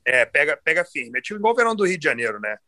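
Guest, young man from Brazil, bright voice, dry close sound, easygoing talk. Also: fairly high pitch, big pitch swings, racing, dry recording. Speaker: podcast guest, jiu-jitsu athlete. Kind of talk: casual chat.

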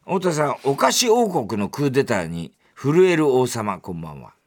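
A man's voice: mid-range voice, big pitch swings, normal speed. A man hosting a radio show, reading listener mail aloud and chatting in a playful, teasing way. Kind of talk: casual radio chat.

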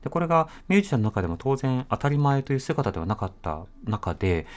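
A man's voice: mid-range voice, sing-song, fast. A man hosting a radio interview, asking probing questions and giving frequent short backchannels. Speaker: radio host.

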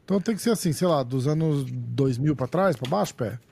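A man with a Brazilian accent hosting a podcast in casual, slangy chat, with a raspy voice. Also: fairly high pitch, lively intonation, a little fast, darkish tone, a little hiss or hum. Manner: slangy, swearing, informal. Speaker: podcast host.

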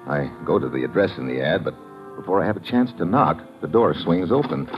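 Narrating and starring in an old radio crime drama, an American man voices a tough, wry agent with terse, slangy, hard-boiled speech and a tense tone. His deep voice is animated and a little fast, heard through a muffled, band-limited recording with dramatic music.

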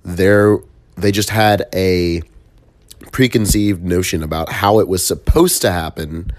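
A man's voice: sits low, unhurried, no echo. A man with a nasal, congested voice from a stuffy nose, giving a casual, earnest motivational monologue as a host and coach.

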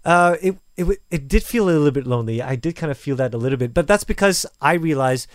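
Man, radio host, casual chat, slightly high voice, dry studio sound. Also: lively intonation, fast, no room sound.

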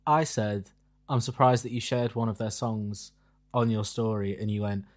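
A man's voice: fairly low pitch, steady tone, moderate pace, a little mellow. A British man in his early twenties bantering casually as a podcast co-host, blunt and teasing. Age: early 20s.

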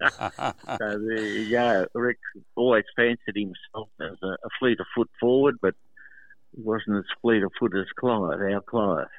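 An older man from Sydney with an Australian accent, reminiscing casually as an interview guest, telling stories with pauses. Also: lowish voice, dry recording. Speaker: interview guest, lifelong rugby league fan. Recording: thin, phone-like narrow sound.

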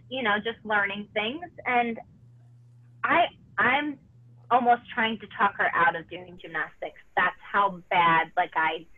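A woman in her thirties, a former gymnast guest, talking haltingly with many restarts and sounding close to tears. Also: mid-range voice. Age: 30s. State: tearful. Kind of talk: emotional personal interview. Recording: tinny phone line.

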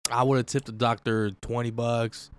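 A man co-hosting a podcast, telling a rambling, profanity-filled story in casual chat, saying bro and dude constantly and bursting into loud reactions. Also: medium pitch, moderate pace, a little hiss or hum. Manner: animated, jumps into loud acted-out reactions. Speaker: podcast co-host.

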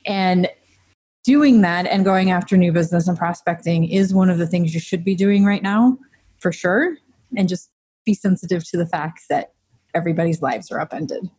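A woman co-hosting a podcast in casual chat, talkative and quick to laugh. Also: on the low side, dark tone, slightly rough, no room sound. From United States. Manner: chatty, laughs easily. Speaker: podcast co-host.

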